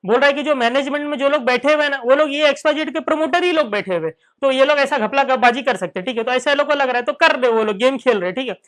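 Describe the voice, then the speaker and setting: A man's voice: extremely high pitch, quick pace, hardly any pauses, fairly bright tone. A man with an Indian accent lecturing in a Hindi-English classroom, asking and answering his own questions and repeating key points. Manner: acts out students' questions in dialogue. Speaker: finance lecturer.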